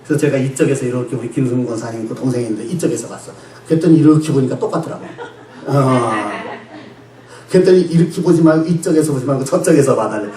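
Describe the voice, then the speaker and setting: A male pastor delivering a Sunday sermon, animated and laughing, who asks the congregation questions and answers them himself. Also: medium pitch, quick pace. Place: church sanctuary. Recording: echoey church sanctuary, distant mic.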